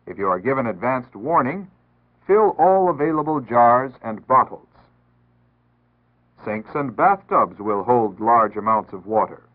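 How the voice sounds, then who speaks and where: An American man with a mid-range voice narrates a scripted civil defense announcement from the 1960s, animated yet unhurried. His manner is earnest, formal and instructive. The sound is tinny and band-limited, in the style of 1960s radio archives.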